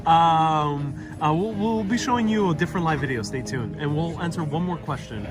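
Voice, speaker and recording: A man's voice: on the high side, lively intonation, normal speed. A chatty man hosting a casual live stream outdoors, putting questions to a guest. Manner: chatty, reads out viewer questions. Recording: loud music, traffic and street noise.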